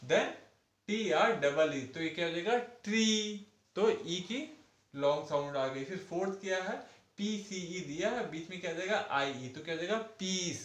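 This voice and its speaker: A man's voice: high-pitched, moderate pace, a bit bright, echoey room. A man explaining an English lesson to children, patiently spelling out words letter by letter and asking questions. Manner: repeats "ठीक है" and asks questions. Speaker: teacher.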